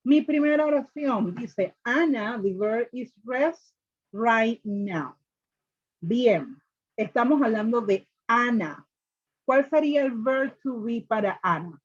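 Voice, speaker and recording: A woman teaches a class, laying out rules step by step and checking answers with her students. Her voice sits a little high and has a husky edge. The recording is dull and lo-fi. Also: lively intonation, slow. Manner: explains step by step, repeats rules, asks the class questions. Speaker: English teacher. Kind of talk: classroom grammar lesson.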